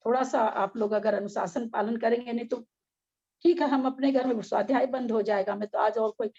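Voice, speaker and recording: A woman's voice: fairly high pitch, fairly even intonation, fairly quick, creaky, mellow, lo-fi sound. A middle-aged woman teaching an online scripture study class, her voice strained and weak, talking with effort and scolding at times. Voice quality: strained, weakened voice. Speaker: religious study group teacher. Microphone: video call.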